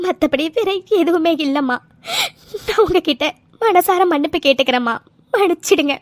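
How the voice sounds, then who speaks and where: A woman voicing a mother in a cartoon who pleads and apologises in a soft, tearful way. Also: extremely high pitch, fairly quick, no room sound. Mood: pleading. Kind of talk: cartoon voice acting.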